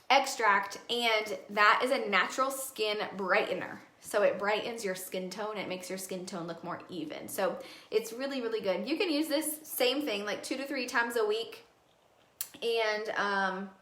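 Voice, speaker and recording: A woman's voice: medium pitch, pushed and bright. Bubbly young woman in an echoey room. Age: 20s. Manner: chatty and upbeat, with many fillers and asides to viewers. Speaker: beauty consultant hosting a live skincare demo. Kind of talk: casual live-stream product talk.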